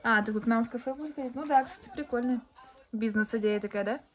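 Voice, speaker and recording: Indoors at home, a young woman vlogger and mom chats into her phone at arm's length, wandering through her thoughts with plenty of fillers and false starts. Her voice sits on the high side and moves quickly over background noise.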